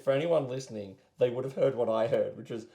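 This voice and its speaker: A man's voice: medium pitch, fast, vocal fry, dark tone. A man co-hosting a podcast in casual chat, carefully asking clarifying questions and summing things up. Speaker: podcast co-host.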